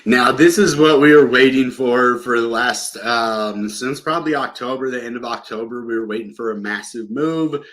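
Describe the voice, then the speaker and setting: Hosting a channel while sick with a cold, a young man casually rambles through crypto market news, filling his speech with ums and uhs. His mid-range voice is a bit bright, moving at normal speed with hardly any pauses.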